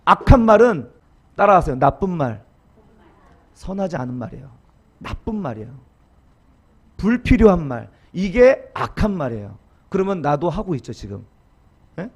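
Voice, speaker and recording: A middle-aged male pastor preaches with a high, lively voice that leaps up and drops low. He leads the congregation in call-and-response. His delivery is dramatic and animated throughout. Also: normal speed, long pauses, slightly rough. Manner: acts out harsh example quotes in dramatic voices. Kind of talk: sermon.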